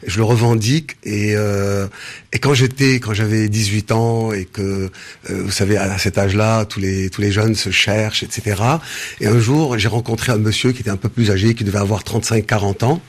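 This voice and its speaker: A man in his sixties from Senegal, answering interview questions in a measured way with frequent hesitations and restarts. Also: lowish voice, fairly even intonation. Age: 60s. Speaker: interview guest, business founder.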